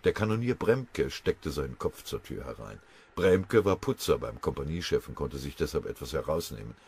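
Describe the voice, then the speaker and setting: A man narrating a war novel as an audiobook in a measured, dramatic reading. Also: extremely low pitch, very animated, husky.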